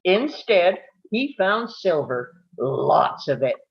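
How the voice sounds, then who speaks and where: A woman with a fairly low, gravelly, sing-song voice reads scripted narration slowly at a live table read. She tells it like a story and sometimes stumbles on a word, all captured in dull, lo-fi sound.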